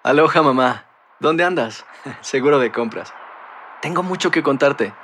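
A man acts an upbeat young soldier calling home in a radio ad. The chatty, mid-pitched voice sits over faint ambient noise. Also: lively intonation, a little slow, natural voice. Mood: cheerful, affectionate. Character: upbeat young soldier phoning his mother. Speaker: actor in army recruitment ad. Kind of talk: scripted conversational ad.

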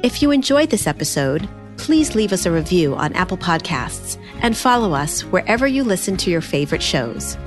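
A woman's voice: lowish voice, big pitch swings, moderate pace, few pauses, music in the background. A woman speaking as a podcast host in a conversational interviewing style.

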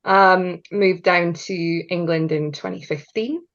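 A woman's voice: on the low side, fairly even intonation, slow pace, highs cut off. A woman guest on a podcast, talking enthusiastically and casually, with some swearing. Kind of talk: casual interview chat.

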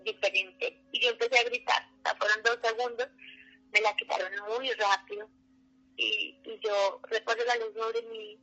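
A woman, a mother telling her birth story as a radio guest in an animated, emotional way. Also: on the high side, normal speed, muffled recording, soft background music. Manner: animated, acts out the voices of others.

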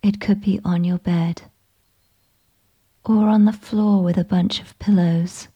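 Breathy whispery lady leading a meditation, super slow, mellow low tone. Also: fairly even intonation, dull audio. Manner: slow, soothing, gentle instructions. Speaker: meditation guide.

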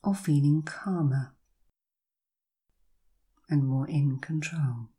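In a guided hypnosis session, a woman speaks in a soft, breathy, deep voice. Her phrases are slow, soothing and drawn out, separated by long pauses.

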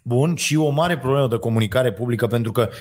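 Male co-host, mid-range voice, animated anecdotes, mimics callers. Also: mid-range voice. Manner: animated, acts out callers in a raised voice. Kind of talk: casual political chat.

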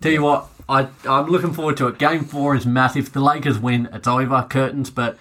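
A man's voice: medium pitch, steady tone, fairly quick, fairly bright tone. Chatty guy hosting a sports podcast, easygoing mid voice, keeps it moving. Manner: chatty, upbeat, leads the segments. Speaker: podcast host. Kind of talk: casual sports chat.

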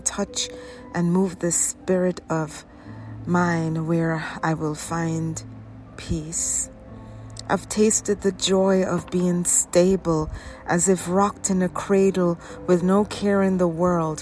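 A woman performing a devotional spoken-word poem, drawing her phrases out slowly and often dropping into a whisper, over soft music. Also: fairly low pitch. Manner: slow, drawn-out phrasing that drops to a whisper.

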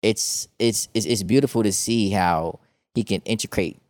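A man's voice: lowish voice, moderate pace, a little mellow, no room sound, clean studio sound. A man hosting a faith podcast, reflecting in a preacherly way and quoting scripture. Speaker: podcast host. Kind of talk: casual faith podcast conversation.

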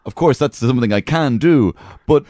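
A man's voice: medium pitch, expressive, normal speed, warm tone, dry recording, close to an everyday voice. A man playing a giggly Santa Claus. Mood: amused. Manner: keeps breaking into laughter, hesitant.

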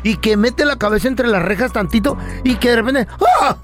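A Mexican man hosting a comedy podcast, telling a story loudly and theatrically. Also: very high voice, a little fast, music in the background. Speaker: podcast host.

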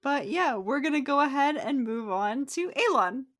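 Female game master; higher-pitched voice, casual tabletop narration. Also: animated, normal speed.

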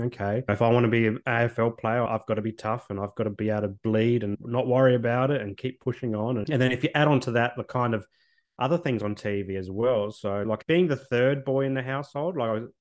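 A man's voice: medium pitch, a little mellow. A man in his late thirties with an Australian accent, telling personal stories as a podcast guest in an earnest way, often restarting his sentences. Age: late 30s. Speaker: podcast guest, social worker. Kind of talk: reflective personal storytelling.

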